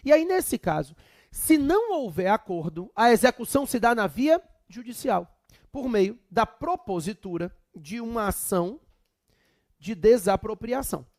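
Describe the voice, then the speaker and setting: A man's voice: high voice, sing-song, measured pace, darkish tone, dry recording, clean studio sound. A man with a Brazilian accent giving a chatty law exam prep lecture with humorous asides. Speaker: law teacher.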